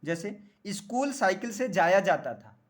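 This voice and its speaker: A man's voice: high voice, lively intonation, unhurried. A man teaching English grammar in a classroom lecture. He jokes often and keeps checking that the students understand.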